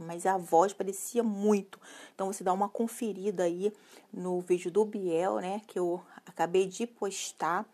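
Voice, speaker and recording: Woman gossip host, casual, chatty, mid-pitched, frequent tag questions. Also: darkish tone. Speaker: celebrity gossip channel host.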